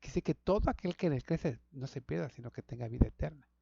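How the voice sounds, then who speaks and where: A middle-aged pastor teaching a Sabbath school lesson to an online audience, talking conversationally, repeating words and calling listeners brothers. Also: male voice, medium pitch, quick pace, creaky, dark tone, breathy edge, dry recording, muffled recording.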